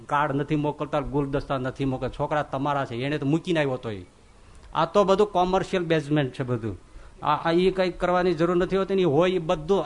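A swami giving a religious discourse, telling stories in an animated way and acting out the voices of the figures. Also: male voice, fairly high pitch. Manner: animated storytelling, acts out quoted voices. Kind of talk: Gujarati religious sermon.

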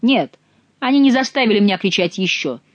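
A woman voicing an angry male courtier who swears and tells of his rough treatment in an audiobook. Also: mid-range voice, expressive, brisk, no echo, highs cut off, voice pushed up, close to an everyday voice. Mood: agitated. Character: furious male courtier dyed blue.

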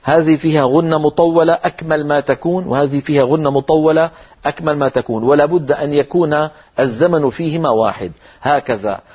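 Husky-voiced man teaching Quran recitation. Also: fairly high pitch, darkish tone. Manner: explains rules, then demonstrates words slowly.

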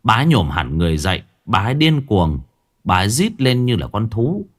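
A man narrating a horror story in a dramatic, expressive storytelling manner. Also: on the low side, fairly quick.

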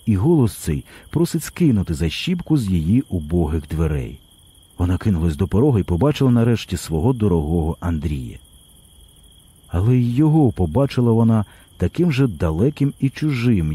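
A man narrating a literary story in a dramatic, expressive audiobook reading. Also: on the low side, a little fast, slightly rough.

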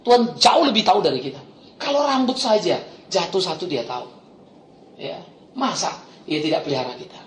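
A middle-aged man preaching a sermon as a pastor, animated, swinging between loud exclamations and quiet asides and laughing often. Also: sits high, brisk, pauses often, a little hiss or hum. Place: church hall. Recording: echoey church hall.

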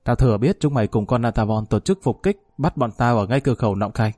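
A cold, threatening man growls his lines low and harsh, as a male narrator puts him on. The voice sits deep and mellow in tone, dry and close, with faint music underneath in this audio story. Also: fast, dry recording, lightly acted. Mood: menacing. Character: cold menacing male police gangster.

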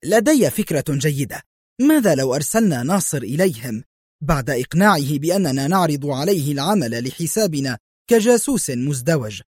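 A man's voice: a little high, darkish tone, no echo, studio quality. A man voicing an eager male intelligence assistant with ideas to share. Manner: eager, keen.

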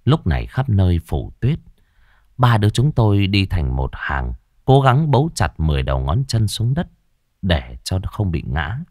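A man's voice: sits low, very animated, moderate pace, a little mellow, dry recording, studio quality. A man reading a ghost story aloud with a dramatic, suspenseful delivery. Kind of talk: scripted horror narration.

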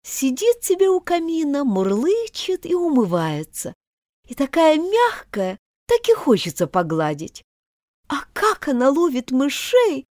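A woman's voice: high-pitched, huge pitch swings, a little slow, darkish tone, no room sound, studio quality, pitched above the performer's own voice, exaggerated voice. A woman reading an audiobook and voicing Alice, a polite, chatty little girl who pleads and apologizes. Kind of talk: audiobook character voice.

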